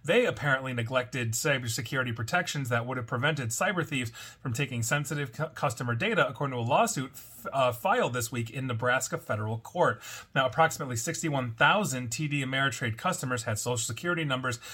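A man's voice: medium pitch, fast, bright, forceful tone, slightly rough. A man hosting a weekly cybersecurity news roundup, reading reports and adding wry, sardonic asides. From United States. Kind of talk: scripted news commentary with asides.

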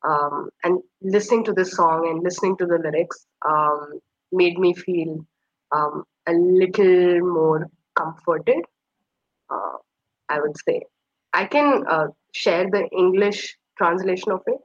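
A woman's voice: lowish voice, slow, no room sound. A young woman from Kashmir, a guest in an interview, telling a personal story in a hesitant, reflective way with many fillers. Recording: slightly muffled dry recording.

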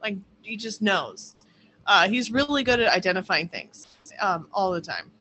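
A young woman telling stories as a guest in a casual interview, animated and laughing often. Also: moderate pace, a little hiss or hum, low-quality recording. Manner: animated, acts out quotes in high voices, laughs often.

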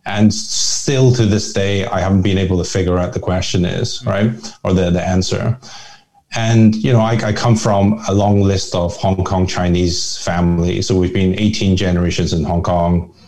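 A deep, mellow-toned man from Northern Ireland speaks as a guest in a conversational interview. He is middle-aged and reflective, and he wanders through his thoughts with frequent restarts. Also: fairly even intonation, normal speed. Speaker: guest, family office chairman.

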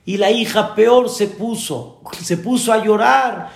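A man's voice: high voice, slow pace, vocal fry. A man, a rabbi giving an earnest sermon told as a story to his congregation. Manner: earnest preacher addressing the congregation directly. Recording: echoey room.

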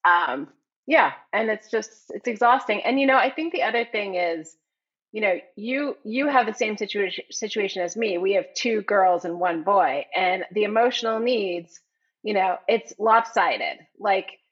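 A woman's voice: medium pitch, lively intonation, normal speed, muffled recording. A woman in her forties co-hosting a podcast, chatting casually and joking in a mock-formal way. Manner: chatty, laughs often, mock-formal jokes. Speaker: podcast co-host. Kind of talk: casual chat.

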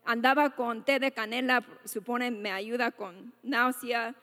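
High-voiced woman preaching in an echoing hall. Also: fairly even intonation, measured pace, bright, forceful tone. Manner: earnest and conversational, with frequent tag questions. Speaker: church speaker giving a testimony. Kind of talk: testimony sermon. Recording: long reverb of a large hall.

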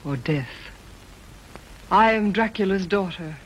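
An actress playing a hypnotic, imperious female vampire in an old horror film, slow and theatrical. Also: medium pitch, expressive. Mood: cold, imperious. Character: vampire countess, Dracula's daughter, hypnotic, imperious menace. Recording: dull noisy old film soundtrack.

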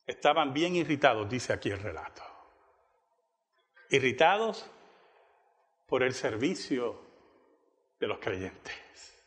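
A man's voice: very animated, slow pace, pauses often, a bit bright, in a large hall. A man preaching a sermon, telling a story and acting out the quoted dialogue with a dramatic rise in his voice. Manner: dramatic, acts out quoted dialogue with rising pitch. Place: church.

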